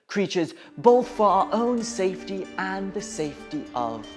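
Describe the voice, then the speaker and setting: A woman presents a mock nature documentary with grave drama. She speaks slowly, with a lively rise and fall in pitch. Light music runs underneath. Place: studio. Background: background music.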